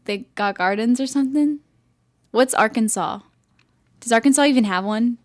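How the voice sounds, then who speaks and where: A young woman from Texas chatting on a podcast with a friend. Her voice sits a bit high, and she talks in a loose, playful way, often slipping into silly bits. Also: normal speed. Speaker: podcast co-host. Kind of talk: casual chat.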